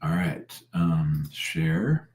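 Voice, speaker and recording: A man's voice: rumbling low, extremely slow, a little mellow, a little hiss or hum. A man hosting a live call-in show in a casual, informal and blunt way, often restarting his sentences. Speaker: live show host and lawyer. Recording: roomy, echoing sound.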